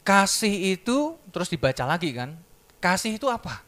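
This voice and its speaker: High bright-voiced man preaching. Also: moderate pace. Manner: lively storytelling, acts out quoted dialogue. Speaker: church speaker giving a testimony. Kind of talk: sermon testimony. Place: church service.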